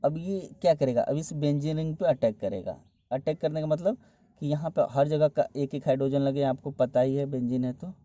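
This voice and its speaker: A man teaching a chemistry lesson, explaining each step slowly and repeating key terms as he goes. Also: fairly high pitch, mellow. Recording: dull, dry lo-fi recording.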